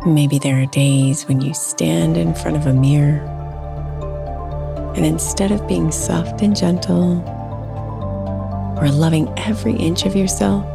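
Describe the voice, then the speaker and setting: A woman with a low, unhurried voice guides a meditation, soft and soothing. Calm new-age music plays clearly beneath her.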